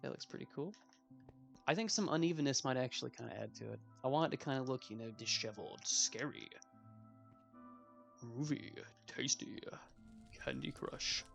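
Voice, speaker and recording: A man's voice: mid-range voice, lively intonation, moderate pace, gravelly, long pauses, a bit bright, soft background music. A 21-year-old man giving casual gameplay commentary as a let's play host, rambling with self-mocking asides.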